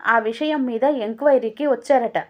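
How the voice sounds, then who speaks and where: A woman voicing a plain-spoken male driver who talks in a hushed, matter-of-fact way. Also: fairly high pitch, normal speed, muffled recording, voice pushed up, natural voice.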